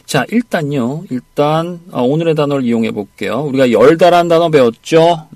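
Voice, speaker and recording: A man's voice: on the high side, moderate pace, a little mellow, no echo. A man teaching English on a radio lesson, playful and teasing as he coaches his co-host.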